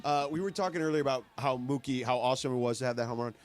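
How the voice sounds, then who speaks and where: A man's voice: medium pitch, rapid-fire. A man hosting sports radio with casual banter, making his points in an emphatic, colloquial way.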